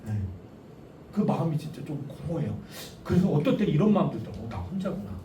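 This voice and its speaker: Middle-aged male lecturer, high and very animated, playful with the room, distant hall mic. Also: fast talker. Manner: animated, jokey, asks audience questions. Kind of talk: lively family-education lecture. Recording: echoey hall, distant mic, faint noise.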